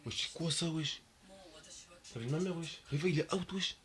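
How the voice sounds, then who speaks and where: Speaking at a normal speed, a young anime reaction YouTuber gives his viewers casual, slangy commentary. He gets excitable, and his voice leaps up loud and high whenever he's shocked.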